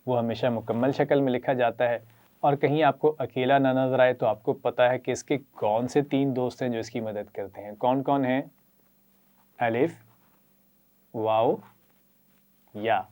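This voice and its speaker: A man with a Pakistani Urdu accent leads a children's Quran reading lesson. He keeps up steady praise and has the class repeat letters after him. His voice is dark and mellow. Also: medium pitch, pauses often. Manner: encouraging, praises often and leads repetition.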